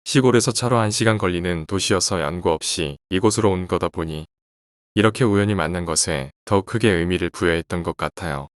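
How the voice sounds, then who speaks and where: A man narrating a first-person horror story aloud in a quiet, measured reading. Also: low-pitched, no echo, studio quality.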